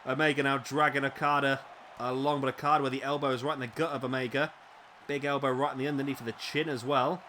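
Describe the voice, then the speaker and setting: Here the slightly raspy, medium-pitched voice moves fast, calling a wrestling video game blow by blow. Excitement spikes at the big moves, chatty asides fill the gaps, and background noise runs underneath.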